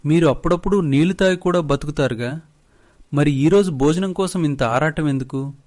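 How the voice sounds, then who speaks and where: A man's voice: on the high side, moderate pace, a little mellow, natural voice. A man voicing a greedy middle-aged village headman who talks with sarcasm and scorn. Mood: sarcastic.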